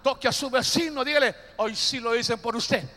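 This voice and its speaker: High-pitched man preaching in a reverberant hall. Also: steady tone, pushed and bright. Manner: call-and-response, drawn-out emphatic phrases, playful asides. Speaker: pastor. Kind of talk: sermon. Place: church.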